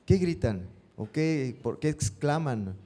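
Preaching slowly in a fairly high voice, a man often breaks off to question his listeners. His delivery carries a lively, upward-lifting emphasis.

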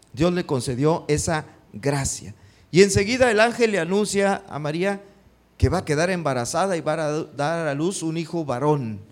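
A man preaches a sermon, reading scripture aloud and repeating its key lines. He keeps turning to the congregation with rhetorical questions. His voice sits on the higher side for a man.

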